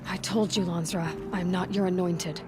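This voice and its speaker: A woman's voice: fairly low pitch, fairly even intonation, moderate pace, natural voice. A woman as Aloy, guarded young huntress, music behind. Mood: guarded, firm. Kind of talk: game cinematic acting.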